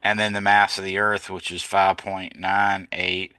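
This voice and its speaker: A tired man teaching physics, working through gravity problems aloud step by step, reading numbers slowly and correcting himself as he goes. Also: deep voice, little pitch movement, sharp tone, clear, resonant tone, no echo. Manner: slow, methodical, reads out numbers step by step, self-correcting. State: tired, yawning.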